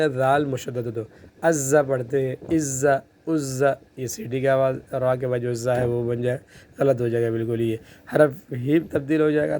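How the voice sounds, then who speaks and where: A man's voice: medium pitch, dark tone, a little hiss or hum. A man with a Pakistani Urdu accent teaching a tajweed lesson, patiently repeating each Arabic letter sound many times and explaining how to place the tongue. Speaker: Quran recitation teacher.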